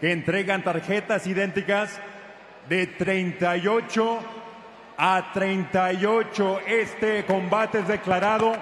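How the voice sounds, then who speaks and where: A man's voice: high voice, steady tone, measured pace, a bit bright. A man doing formal, ceremonious bilingual ring announcing, declaiming like a lucha libre announcer over an arena PA. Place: boxing ring in an indoor arena. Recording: echoey arena PA with long reverb, noisy.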